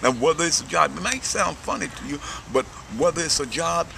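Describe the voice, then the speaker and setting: A man preaching informally as a street preacher, with fervent insistence, halting repeats and a gravelly voice. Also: on the high side, lively intonation. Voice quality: gravelly, creaky. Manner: halting, stammering repetition of words. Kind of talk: personal testimony and informal preaching. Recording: noisy outdoor ambience with vehicles.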